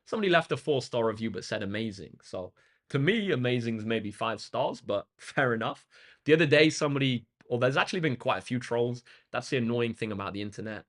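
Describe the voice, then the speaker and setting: A man with a medium-pitched, somewhat croaky and weary voice hosts a maths tutoring livestream. In a casual, informal way he talks straight to his viewers and thanks them.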